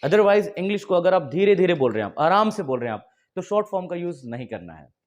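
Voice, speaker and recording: A man's voice: high-pitched, very animated, fast, darkish tone, highs cut off. A man with an Indian accent teaching English to a class, mixing Hindi and English, often laughing and quizzing the students. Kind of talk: classroom lesson in Hinglish.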